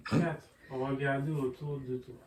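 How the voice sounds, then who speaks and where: A man at home reading a list of numbered tips aloud at a slow, deliberate pace. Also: mid-range voice, level tone, recorded from a distance, a little hiss or hum. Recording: echoey room, from across the room.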